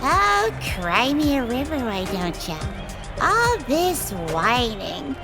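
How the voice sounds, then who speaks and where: In an ASMR audio drama roleplay, a woman voices a wild, cocky female fighter, teasing and taunting playfully. Her voice is high-pitched and very animated, delivered slowly and with exaggeration, over background music.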